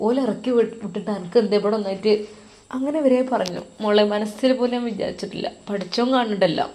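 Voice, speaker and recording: A woman's voice: medium pitch, quick pace, warm tone, close to an everyday voice. A woman with a Malappuram accent voicing a caring elder sister-in-law who pleads in a tearful tone. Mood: sorrowful. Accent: Malappuram Malayalam.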